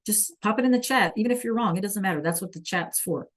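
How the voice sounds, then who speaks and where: A woman's voice: medium pitch, fast talker. A woman teaching a Spanish lesson online, patiently checking in with her students and praising answers from the chat.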